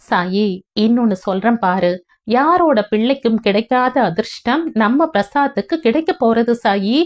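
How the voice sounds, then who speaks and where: A woman's voice: on the high side, lively intonation, moderate pace, highs cut off, close to an everyday voice. Soothing young husband in an audio novel, patient and explaining, read by a woman narrator. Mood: reassuring. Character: gentle reassuring young husband.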